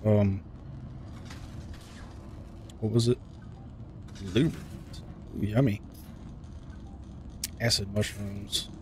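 A man's voice: on the low side, steady tone, extremely slow, long pauses. A man in his thirties thinking aloud in casual, laid-back let's-play commentary, often muttering to himself. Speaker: gaming streamer. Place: small room at home. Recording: faint game noise behind.

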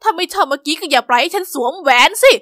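A woman's voice: high-pitched, lively intonation, rapid-fire, a bit bright, no echo, studio quality. A woman voicing a pushy teenage boy. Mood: cold, demanding. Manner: insistent, controlling. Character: pushy obsessive teenage boyfriend, male.

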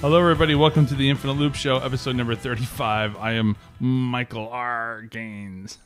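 A man hosting a podcast in casual tech chat, relaxed and joking, with hesitant fillers. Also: medium pitch, fairly quick, faint music behind. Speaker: podcast host.

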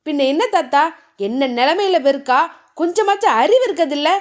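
A woman's voice: sits high, sing-song, moderate pace. Woman reading as a hot-tempered possessive husband. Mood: angry. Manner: shouting, scolding. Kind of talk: novel reading.

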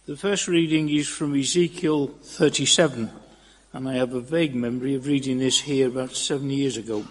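A man reading scripture aloud in a church, deliberate and expressive, at a pulpit microphone. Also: mid-range voice. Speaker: scripture reader. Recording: long church reverb.

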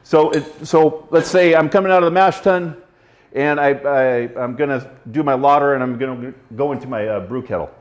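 A man's voice: mid-range voice, normal speed. A man in his forties demonstrating brewery equipment in an easygoing, slightly fumbling, self-deprecating way. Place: brewery floor among steel tanks, indoors. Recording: slightly dull, muffled sound.

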